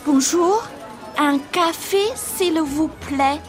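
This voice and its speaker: Very high-pitched young heroine. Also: female voice. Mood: curious, unsure. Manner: bewildered, breathless urgency with halting beginner French. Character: Eva, eager young heroine on an urgent secret mission. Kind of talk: language-learning radio drama. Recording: music behind the voice.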